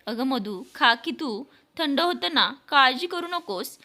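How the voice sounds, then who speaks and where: A woman's voice: high-pitched, animated, slow pace, pushed and bright, exaggerated voice. A woman voicing a kind older mother-in-law who scolds and dotes at once. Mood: doting. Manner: scolding yet doting.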